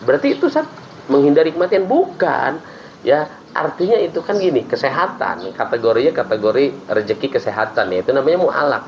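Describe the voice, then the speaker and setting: A man with an Indonesian accent talks through religious teaching in an easy, chatty podcast manner. He sits at a middle pitch and often acts out short prayers as examples. A faint hiss of room noise sits behind him. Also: brisk, rough recording. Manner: lively explaining with acted-out prayers and laughs. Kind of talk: casual podcast chat on Islamic teaching.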